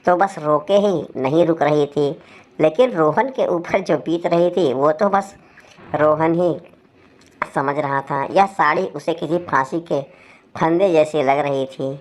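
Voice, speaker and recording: A woman narrating a story as a channel's storyteller, reading in a steady, expressive way. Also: deep voice.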